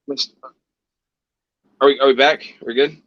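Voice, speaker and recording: A man's voice: medium pitch, fairly even intonation, a bit bright, a little hiss or hum. A man in his forties from Eastern Washington State, talking casually and rambling with fillers over an online video call that breaks up. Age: 40s. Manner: rambling, drawn-out, filler-heavy talk. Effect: heard over an online video call with dropouts. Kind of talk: casual chat. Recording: muffled lo-fi call audio, dry.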